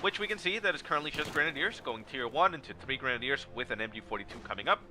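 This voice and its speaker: With video game battle sounds and music in the background, a man explains a strategy game match casually. His congested, nasal voice is medium-pitched with lively intonation, pushed and bright, at a quick pace, as he's sick with a stuffy nose.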